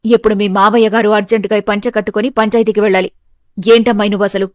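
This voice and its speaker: A woman's voice: medium pitch, level tone, quick pace, dry recording, lightly acted. Woman as a bossy cartoon mother-in-law, harsh and scolding, dry close sound. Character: stern bossy middle-aged mother-in-law. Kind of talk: animated storybook voice acting.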